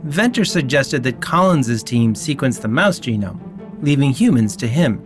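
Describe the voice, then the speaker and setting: A man narrating a documentary in a measured, clear scripted read. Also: medium pitch, big pitch swings. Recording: faint music underneath. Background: faint music.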